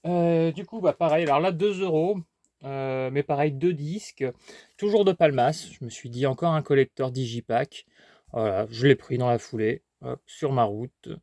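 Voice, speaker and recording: A man's voice: mid-range voice, moderate pace, a little mellow, dry recording. A man chatting casually about his haul, rambling with many fillers and restarts while eating. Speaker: collector vlogger.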